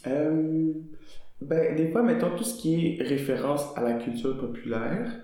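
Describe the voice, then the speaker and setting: A man's voice: a little high, a little slow, warm tone. A young man with a Québécois French accent, answering interview questions casually and hesitantly, with many fillers and restarts. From Quebec. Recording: very echoey room.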